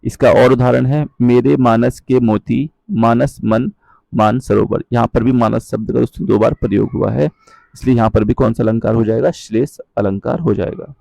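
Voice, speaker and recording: A man teaching a Hindi grammar lesson, explaining patiently, checking in with his viewers often and reciting verse lines slowly. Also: medium pitch, fairly even intonation, vocal fry, warm tone, no room sound. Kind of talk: online exam-prep lesson.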